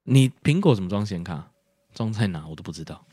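A man chats casually on a podcast, his voice sitting low. He rambles through explanations with frequent fillers and restarts, recorded dry and close. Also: big pitch swings, a little fast, mellow, slightly rough, no echo. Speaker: podcast co-host. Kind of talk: casual chat.

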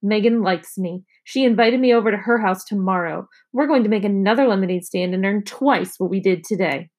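A woman's voice: medium pitch, brisk, darkish tone, natural voice. A stubborn little girl who answers back with smug, sassy retorts, as a woman reading a storybook puts her on. She sounds sure she will win. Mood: defiant.

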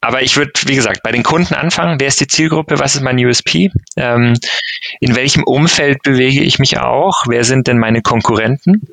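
A man's voice: mid-range voice, moderate pace, gravelly, a bit bright, dry recording. A man speaking as a guest in an interview, answering thoughtfully with hesitations and fillers and mixing in English business terms. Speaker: marketing director interviewed as guest.

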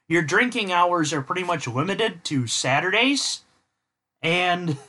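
A man's voice: on the high side, a bit bright. A man hosting a podcast in casual chat, rambling and jokey as he drifts off on tangents. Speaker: podcast host.

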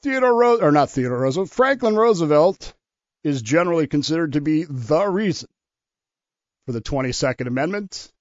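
Fairly high-voiced man explaining history. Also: lively intonation, brisk, dry recording, lo-fi sound. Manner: storytelling, explanatory. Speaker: history guest on radio show. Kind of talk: talk radio history segment.

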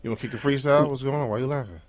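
A man's voice: medium pitch, very fast. A man co-hosting, full of joking, rambling banter. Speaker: co-host. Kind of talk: casual radio chat.

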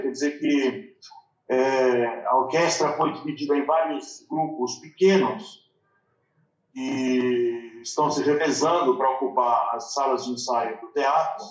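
Man from são paulo talking slow on a video call, sounds far off and muffled with echo. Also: medium pitch. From São Paulo, Brazil. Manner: measured, unhurried, with pauses. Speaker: opera orchestra double bassist. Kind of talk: casual online video call discussion. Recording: distant, muffled, echoey video call audio.

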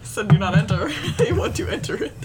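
A woman talks casually as a tabletop game player. Her pitch moves around a lot, and there is clear background noise in the recording. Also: sing-song, brisk.

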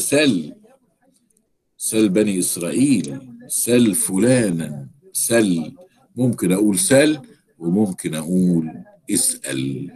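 A man teaching Arabic grammar with an Egyptian accent. He explains step by step and repeats words slowly for stress. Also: lowish voice, a little mellow. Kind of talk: recorded grammar lesson.

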